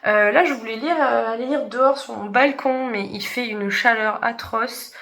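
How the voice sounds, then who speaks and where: A woman's voice: fairly high pitch, normal speed, gravelly, fairly bright tone. A young woman chatting casually in a book vlog, hesitant with many fillers. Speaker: book vlogger.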